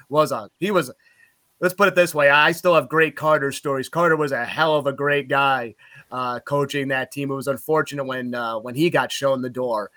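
Bright-voiced man telling lively stories. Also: on the high side. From Utica, New York. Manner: lively anecdotes, laughs at his own stories. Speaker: guest, college sports play-by-play broadcaster. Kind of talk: casual podcast storytelling.

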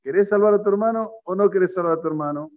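A fairly high-voiced man delivers a lively Torah sermon. He fires rhetorical questions at his listeners and hammers points home through repetition. The recording sounds slightly dull and lo-fi. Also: fast. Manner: animated, fires rhetorical questions, repeats phrases for emphasis. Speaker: rabbi teaching.

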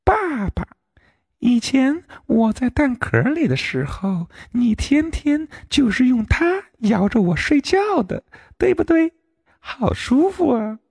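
Clingy baby duckling, very high squeaky child voice, dry close sound, storybook. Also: male voice, very animated, takes it slowly, vocal fry, darkish tone, slightly rough, dry recording, heavily acted. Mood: eager. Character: tiny newly hatched duckling, clingy and sweet.

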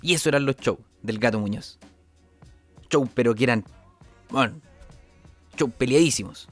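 A man's voice: mid-range voice, moderate pace, soft background music. A young man with a Chilean accent, a comedian telling rambling stories of his stand-up shows, full of sound effects and restarts. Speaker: comedian host. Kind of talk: comic storytelling.

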